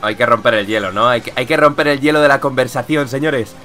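A man with a Spain Spanish accent giving excitable gameplay commentary, repeating catchphrases and cracking puns. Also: medium pitch, fast talker. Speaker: video game let's player.

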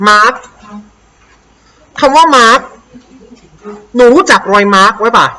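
A woman English teacher with a Thai accent, slowly and patiently explaining a worksheet to young pupils and having them repeat words. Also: fairly high pitch, expressive, bright, forceful tone, low-quality recording.

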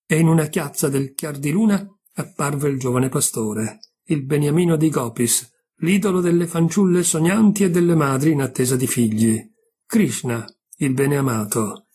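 A man reading a classic short story aloud with measured literary narration. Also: on the high side, a little mellow, slightly rough. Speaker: reader. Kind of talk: scripted narration.

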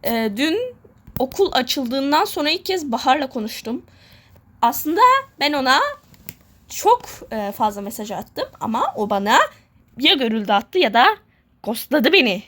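A woman's voice: high-pitched, expressive, unhurried, long pauses, a bit bright. A woman chatting casually while playing a game, rambling, joking about herself and repeating the same words over and over. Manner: jokey and self-mocking. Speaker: gamer vlogger. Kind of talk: casual let's-play chatter.

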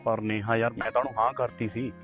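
A man playing a nervous, fast-talking young guy. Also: mid-range voice, flat delivery, highs cut off, faint music behind, close to an everyday voice. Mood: worried. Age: young adult. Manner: worried, hesitant. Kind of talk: short film dialogue.

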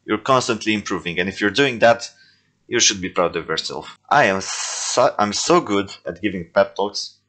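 Low-voiced man, casual self-mocking commentary. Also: animated, moderate pace, a bit bright. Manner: rambling, self-deprecating, joking. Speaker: stop-motion filmmaker reviewing his own movies.

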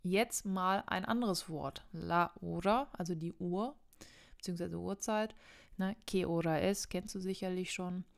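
A young woman with a lowish, gravelly voice teaches Spanish at a measured pace in a casual online video lesson. Chatty, she speaks directly to the viewer and corrects herself as she goes.

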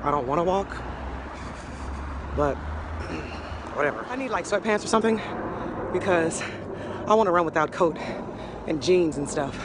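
Against background noise, a young woman with a fairly low, expressive voice speaks a little slowly, leaving long pauses. She's an upbeat, slangy beauty vlogger chatting casually on a phone held close, from a small home room to a city street and then a gym.

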